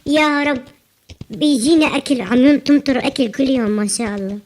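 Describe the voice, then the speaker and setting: A man's voice: extremely high pitch, fairly quick. A man voicing a playful, chatty young woman with a Levantine Arabic accent while gaming. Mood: teasing, chatty. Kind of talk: casual chat while gaming.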